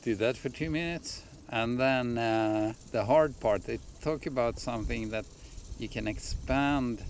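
A man's voice: medium pitch, a little slow, a little hiss or hum. A middle-aged man from Sweden, Swedish-speaking, chatting casually in English on a sailboat deck, hesitant with many fillers. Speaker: sailing vlogger. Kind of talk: casual chat. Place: outdoors on a sailboat deck in an anchorage.

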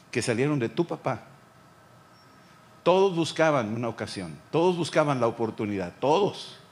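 A man with a Mexican accent, a pastor preaching a sermon, repeating phrases and dropping to quiet lines. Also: mid-range voice.

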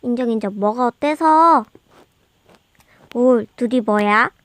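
A woman's voice: a little high, slow pace, dry recording. A young female host chatting casually and teasingly to viewers.

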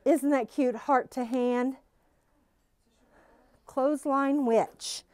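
Followed by a phone camera and wearing a face mask, a middle-aged woman gives a bubbly, gushing, casual tour of new stock in a quilt shop. Her voice sits high with fairly even intonation, a very slow pace, and a darkish tone.

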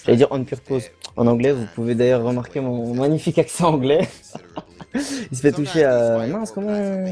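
Dark-voiced hesitant male game commentator. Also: medium pitch. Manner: casual, hesitant, searches for words. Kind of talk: live speedrun commentary.

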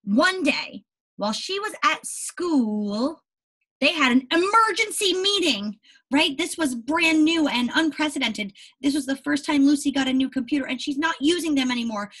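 Teaching a read-aloud lesson to young children, a young woman who works as an elementary school teacher speaks expressively at a normal speed, leaning on and repeating key words and checking in often. Her voice sits high with a fairly bright tone, and she is in a small indoor room with a whiteboard.

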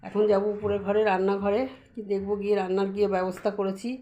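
A woman's voice: medium pitch, monotone, fast, warm tone. A middle-aged woman and grandmother narrating a casual home vlog, chatting straight to her viewers as she goes about her chores indoors, recorded on a handheld phone.

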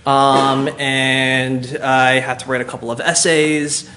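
A man's voice: medium pitch, level tone, slow, bright, forceful tone. A young man from New Jersey, a teacher and talk show guest, speaking earnestly and articulately with frequent ums.

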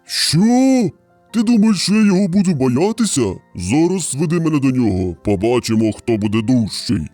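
A man's voice: fairly high pitch, very animated, warm tone, faint music behind. A man voicing a huge, hungry, furious bear in a children's fairy tale, roaring and dragging out his words. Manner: roaring, drawn-out growling delivery. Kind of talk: storybook character voice.

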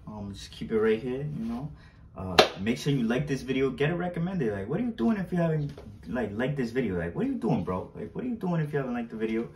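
A man's voice: medium pitch, very animated, fast, noisy background. A young man, chatting casually through an unboxing vlog, slangy and repetitive, recorded by a fixed camera a few steps away in a small indoor room. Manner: chatty, slangy, repeats himself, pleads for likes. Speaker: vlogger. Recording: roomy, distant camera sound.

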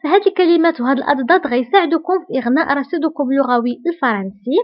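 A woman's voice: high-pitched, animated, very fast, muffled recording. A woman with a Moroccan accent teaching French vocabulary, saying each word and then repeating it with care. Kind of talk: vocabulary lesson.

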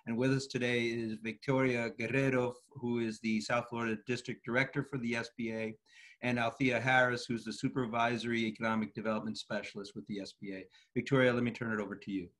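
A man's voice: mid-range voice, level tone, fast talker, fairly bright tone. A middle-aged man moderating a virtual town hall over a video call from a home office, polite and appreciative, with hesitant fillers. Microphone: video call webcam.

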